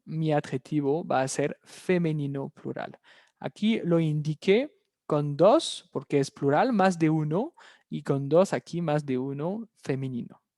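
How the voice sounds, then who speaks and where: Slow, patient French teacher, dry sound. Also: medium pitch, warm tone, no room sound. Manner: explains step by step, often checking in with "¿ok?"; repeats key words slowly for pronunciation. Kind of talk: online language lesson.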